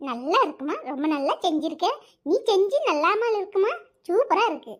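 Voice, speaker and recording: A woman's voice: extremely high pitch, expressive, fairly quick. A woman voicing a teasing, whiny teenage daughter in a cartoon. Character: sulky teenage daughter Aishu.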